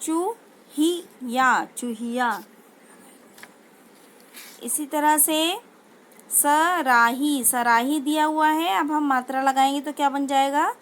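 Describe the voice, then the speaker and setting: A woman teaching a children's language lesson, saying each word slowly and twice. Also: high voice, steady tone. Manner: slow, drawn-out pronunciation of each word, repeating it twice. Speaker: school teacher.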